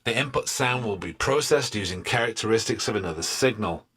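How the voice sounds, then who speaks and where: A man's voice: on the low side, expressive, fairly quick, sharp tone, slightly rough, heavily acted. A man whose voice is formant-shifted and vocoder-processed so it sounds artificial and robot-like, reading a scripted rundown of features.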